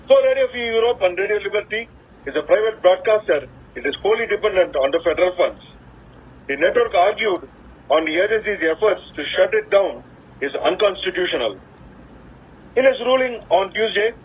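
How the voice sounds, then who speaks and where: A man from India, hosting a radio hobby show and reading a news digest in a measured, careful way, heard over a shortwave radio broadcast. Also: high voice, a little hiss or hum. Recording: tinny shortwave radio reception.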